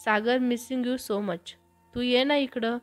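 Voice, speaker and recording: A young college girl from a romantic storybook, teasing her friends and sulking a little with her boyfriend, as a woman narrator puts her on. The voice is fairly high, over faint background music. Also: steady tone, slow. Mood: pouty. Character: young woman college student, sulky and playful.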